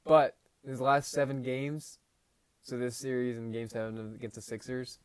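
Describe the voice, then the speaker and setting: A man's voice: medium pitch, fairly even intonation, normal speed, smooth, dry recording. A young man co-hosting a sports podcast in casual chat, quizzing his partner and listing player names and statistics. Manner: quizzing, rattling off stats and names. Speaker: podcast co-host.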